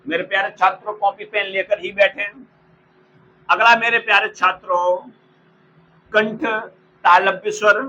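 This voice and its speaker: A man teaching an exam-prep lesson in a bright, high voice, speaking slowly and repeating each term so students can copy it down. He addresses the class with fond terms as he explains. Faint noise runs underneath the recording. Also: steady tone, muffled recording. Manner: slow, repeats terms for dictation.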